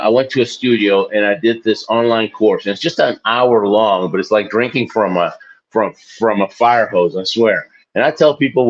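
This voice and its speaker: Dull audio carries the lowish voice of a man in his forties, an Olympian and author appearing as an interview guest. He talks loosely and self-deprecatingly, drifting along and laughing frequently.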